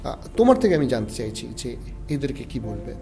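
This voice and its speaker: A man hosting a podcast interview, asking measured questions with a Bengali accent and affirming his guest often. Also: medium pitch, very animated, warm tone, soft background music. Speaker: podcast host.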